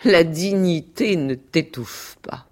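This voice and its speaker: A woman reading aloud as a proud, disdainful cat, with a slow, lilting literary delivery in an archival radio reading. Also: on the low side, pitched above the performer's own voice. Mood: scornful. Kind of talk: archival radio reading of a dialogue between animals.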